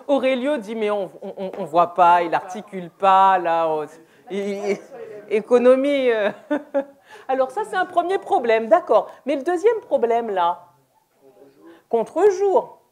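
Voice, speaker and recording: Brief: woman, higher voice, unhurried church workshop presenter, playful, laughs often, restarts her phrases. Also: big pitch swings, darkish tone. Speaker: deaf ministry presenter. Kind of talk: interactive church workshop talk. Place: church hall, indoors.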